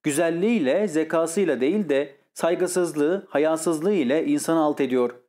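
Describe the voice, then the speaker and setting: A man's voice: on the high side, a little slow, dark tone, natural voice. A man voicing an embarrassed, guilty young lieutenant who mumbles his excuses in an audiobook story. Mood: sheepish. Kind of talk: audiobook character reading.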